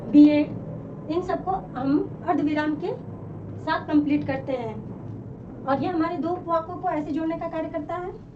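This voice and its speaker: A woman teaches a lesson in a high, clear voice. She explains slowly and patiently and goes over each example more than once. The recording sounds dull and a little distant from the mic. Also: steady tone, background noise. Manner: slow, explanatory, repeats examples. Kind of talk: classroom lesson.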